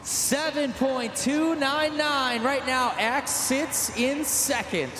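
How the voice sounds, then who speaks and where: Male sports commentator, very high pitched, hyped shouting play-by-play, echoey stadium sound. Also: slow. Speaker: event commentator announcer. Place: large stadium event. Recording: echoey stadium PA, loud engine noise.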